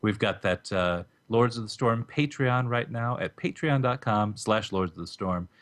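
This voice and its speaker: A man's voice: lowish voice, normal speed, a bit bright. A man co-hosting a gaming podcast over a call, chatty and teasing. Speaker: podcast co-host. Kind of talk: casual podcast chat.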